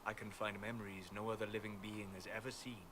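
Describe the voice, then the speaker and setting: An actor playing a calm, scholarly mage in a video game, speaking in a measured, wistful, formal way like a guide to dreams. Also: male voice, lowish voice, background noise, close to an everyday voice. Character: calm, scholarly apostate mage, a male dreamer of ancient memories.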